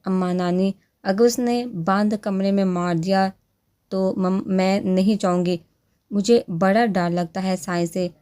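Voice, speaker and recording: A woman's voice: medium pitch, steady tone, unhurried, dark tone, clear, resonant tone, close to an everyday voice. A woman reading the lines of a frightened, innocent young village wife who pleads fearfully. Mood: scared.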